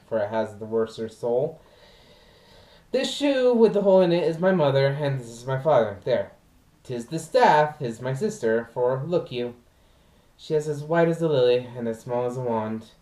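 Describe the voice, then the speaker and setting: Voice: dark tone, close to an everyday voice. A vlogger acting out a comic male servant who laments his unfeeling dog in a Shakespeare monologue, with swooping, theatrical emphasis, recorded in a roomy space away from the mic. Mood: fussy. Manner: theatrical, swooping emphasis with sudden high outbursts. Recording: roomy echo, from mic distance.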